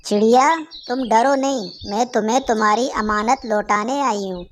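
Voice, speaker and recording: A woman voicing a tender, ailing mother kite bird in a cartoon, speaking gently and protectively. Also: fairly high pitch, moderate pace, a little hiss or hum, close to an everyday voice. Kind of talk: Hindi cartoon voice acting.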